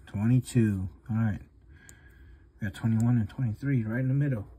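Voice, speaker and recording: Man, husky, hiccuping, mid pitch, relaxed, reading numbers aloud. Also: moderate pace. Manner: reads numbers one by one, relaxed and low-key. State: has the hiccups. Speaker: lottery scratch-off vlogger. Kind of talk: casual narration while scratching tickets.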